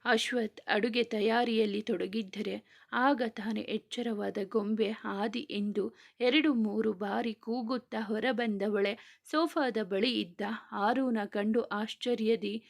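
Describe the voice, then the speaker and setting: A woman reading a serialized romance novel aloud in a soft, steady voice. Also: mid-range voice, creaky. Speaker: storyteller.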